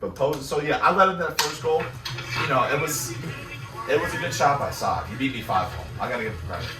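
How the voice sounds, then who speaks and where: Excitable man in an echoey room. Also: mid-range voice, brisk. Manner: excitable, laughs while telling stories. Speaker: co-host. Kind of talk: casual reaction chat. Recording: echoey room, distant mic, music behind.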